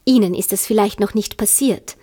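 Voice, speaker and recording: Lady doing a nervous polite little girl, higher and quicker, trying hard to explain. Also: warm tone, breathy edge, natural voice. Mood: flustered. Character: polite, flustered young girl.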